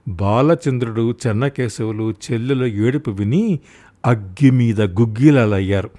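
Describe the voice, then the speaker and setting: A man's voice: measured pace, warm tone. A man reading a village story aloud as an audiobook storyteller, acting out the characters in turn. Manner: voices characters with raised pitch and volume. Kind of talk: dramatic audiobook narration.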